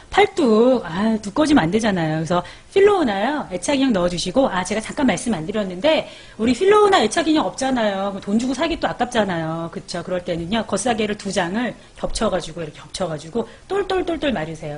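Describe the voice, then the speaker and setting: A woman's voice: medium pitch, slightly rough. A woman hosting a live parenting stream, chatting casually as she reads viewer comments, calls out their names and gives baby sleep tips.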